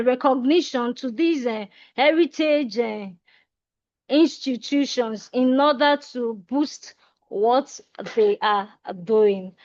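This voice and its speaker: Female conference presenter: higher voice, slow and halting, formal, close dry but dull recording. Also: dry recording. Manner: halting delivery. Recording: dull, lo-fi sound.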